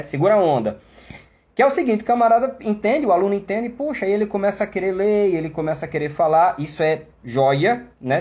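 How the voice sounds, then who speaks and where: Brazilian man, English teacher on a live stream, slightly high voice, conversational, explains with lots of asides. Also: darkish tone. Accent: Brazilian Portuguese. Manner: chatty, explanatory, many tag questions. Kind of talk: live online class.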